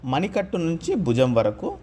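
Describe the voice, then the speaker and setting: A man with a husky, fairly high voice teaches pronunciation in a lively, rising and falling tone. He speaks very slowly, laying out each example word on its own. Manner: slow, deliberate, spells out example words one by one. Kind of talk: scripted lesson narration.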